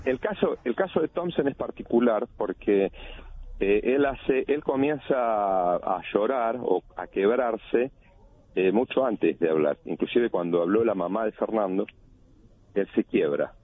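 Deep-voiced man explaining on a phone line. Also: lively intonation, measured pace. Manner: didactic, demonstrates intonation by chanting. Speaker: body language analyst. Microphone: phone call.

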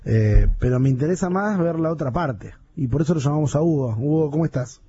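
A man's voice: a little high, animated, fairly quick, dark tone, dull audio. A man hosting a radio interview, commenting briefly before bringing in a phone guest. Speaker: radio host.

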